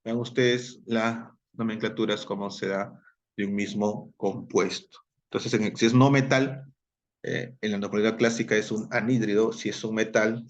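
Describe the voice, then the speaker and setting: Low-voiced man teaching chemistry, lo-fi sound. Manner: explains step by step, often checking with "¿no?"; repeats key terms and corrects himself. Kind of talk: classroom lesson explanation.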